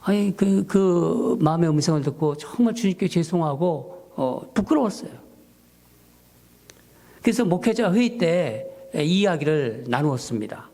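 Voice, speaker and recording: A man's voice: fairly high pitch, a little slow. A man who is a pastor, preaching a sermon and telling a story from his church life in a storytelling manner. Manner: storytelling, animated, rising when quoting his own prayers. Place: church sanctuary.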